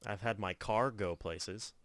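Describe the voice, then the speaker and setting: A man co-hosting a casual podcast chat, teasing his friend with deadpan wisecracks. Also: lowish voice, measured pace, no room sound. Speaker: podcast co-host.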